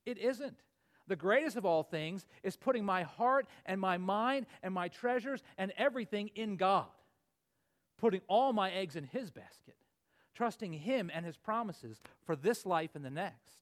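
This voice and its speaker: Man, 40s, pastor, high voice, earnest sermon, emphatic swells. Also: lively intonation, normal speed. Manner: earnest, rising to emphatic peaks then dropping low.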